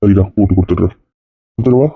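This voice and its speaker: A man plays an elderly grandfather who soothes the family and talks quickly. His voice comes through thin and tinny, like over a phone line. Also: lowish voice, vocal fry, husky, no room sound. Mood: reassuring. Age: older.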